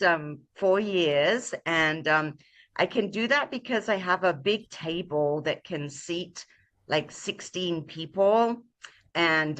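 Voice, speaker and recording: A woman sharing a personal story as a guest on a video call, talking casually and pausing often with ums and uhs. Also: fairly low pitch, bright, forceful tone. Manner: halting, many ums and uhs. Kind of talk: casual sharing on a live show.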